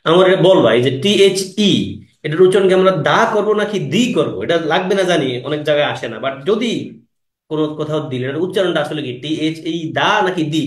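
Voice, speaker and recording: A man's voice: on the high side, roomy sound. Man teaching an exam-prep class. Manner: asks the class quick questions and repeats key words. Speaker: English teacher.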